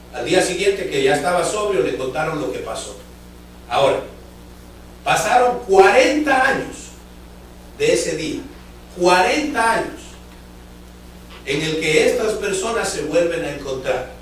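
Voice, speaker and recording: A man preaching a fervent sermon to his congregation, telling a story with drawn-out emphatic phrases and speaking to the listeners directly. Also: on the high side, animated, slight background noise. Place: church sanctuary. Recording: echoey church hall from far off.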